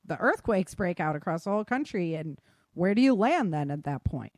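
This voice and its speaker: A woman with an American accent, who hosts a podcast and writes, speaks a little fast in a fairly low, sing-song voice with a darkish tone. Recorded in studio quality without echo, she explains her points casually and keeps saying "right?" and "you know".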